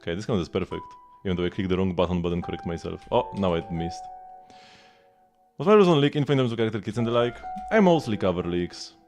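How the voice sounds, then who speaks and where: A man's low, expressive, slightly mellow voice moves at a quick pace as he livestreams a game. He rambles casually and self-deprecatingly over the gameplay, with game music in the background.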